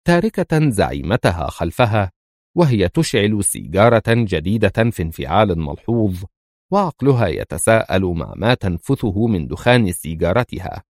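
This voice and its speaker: Low-voiced man narrating a story. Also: a little mellow, dry recording, studio quality. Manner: dramatic storytelling reading. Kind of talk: dramatic audiobook narration.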